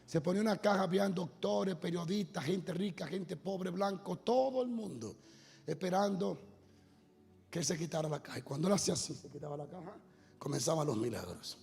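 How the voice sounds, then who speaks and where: High gravelly guy preaching, gets shouty and singsong, long hall echo. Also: brisk. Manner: builds to loud, sung shouting. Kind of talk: sermon. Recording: long hall reverb, faint music.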